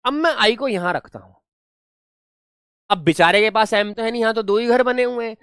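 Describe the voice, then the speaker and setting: A man's voice: sits high, moderate pace, fairly bright tone, clear, resonant tone, dry recording, studio quality. A man teaching English grammar in a live online class, explaining through playful rustic storytelling.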